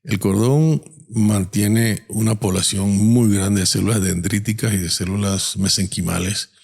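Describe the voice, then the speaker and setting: Low gravelly man explaining calmly. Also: unhurried. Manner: calm explanatory. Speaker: doctor guest. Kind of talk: conversational interview.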